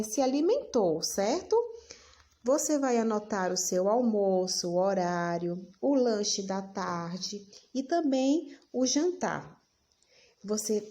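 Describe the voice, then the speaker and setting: A woman teacher, giving a recorded lesson for children and dictating words slowly, repeating each one. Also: mid-range voice, dark tone.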